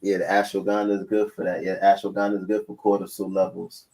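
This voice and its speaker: New guy near forty, rambling and slangy, keeps asking if you follow, low-ish voice. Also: completely flat delivery, fast, creaky, warm tone, low-quality recording. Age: late 30s. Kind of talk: casual chat.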